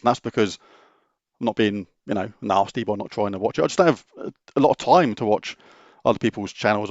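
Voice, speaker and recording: Here a middle-aged man with a British accent runs a gaming channel and chats casually through viewer questions, open and matter-of-fact, rambling and restarting as he goes. He speaks in a mid-range voice. There's no echo, though the recording sounds muffled.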